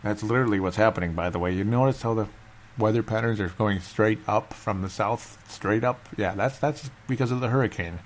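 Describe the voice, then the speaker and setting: A man's voice: fairly low pitch, fairly quick, a little hiss or hum. A man hosting a casual solo sports fan show in a subdued, held-back voice, as if not to wake anyone, rambling and repeating himself.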